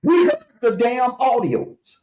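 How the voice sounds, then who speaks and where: A man's voice: very high-pitched, big pitch swings, takes it slowly, a little mellow. Male streamer host, mocking rant, voice leaps up and down, echoey room. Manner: taunting, jeering, with scornful laughs. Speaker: livestream host.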